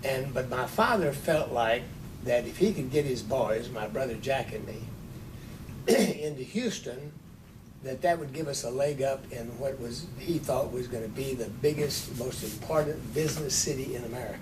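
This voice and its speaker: A man in his nineties from Texas, telling stories from his life in an unhurried way with dry humor in an oral history interview. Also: expressive. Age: 90s. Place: office with large windows. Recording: distant mic, rumbling noise.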